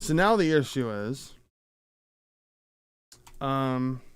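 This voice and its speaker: Drawing out his words with lively intonation, a man of medium pitch and smooth voice chats casually on his livestream as he works on gear. A streamer and audio tinkerer, he thinks aloud, rambling, cutting himself off and swearing casually. There's no room sound.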